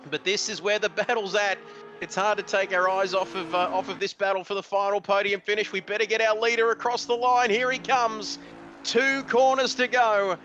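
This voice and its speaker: A man giving live sim racing commentary in an excitable, emotional, fast-flowing play-by-play. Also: high-pitched, dull audio, slight background noise. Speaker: race commentator.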